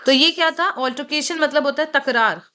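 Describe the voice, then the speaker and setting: A woman with an Indian English accent teaching English vocabulary for competitive exams, repeating each word slowly and clearly for students to say aloud. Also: high-pitched, bright, forceful tone. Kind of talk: exam-prep vocabulary lesson, Hindi mixed with English.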